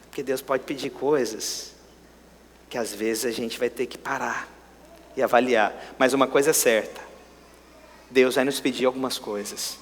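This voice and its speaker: A male pastor preaching a sermon, swinging between loud exclamations and hushed asides. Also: medium pitch, fairly even intonation, unhurried, pauses often, slight background noise. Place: church sanctuary. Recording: long church-hall reverb.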